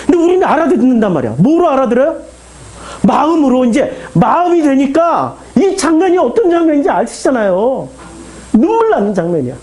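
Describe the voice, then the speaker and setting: Lively, mellow-voiced male pastor preaching. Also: very high voice, a little fast, rough recording. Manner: animated, emphatic, rhetorical questions to the congregation. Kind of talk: sermon.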